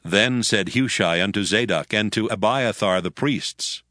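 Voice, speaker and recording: A man narrating a dramatized scripture reading in a steady, measured way. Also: on the low side, dry recording, studio quality. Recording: faint music bed.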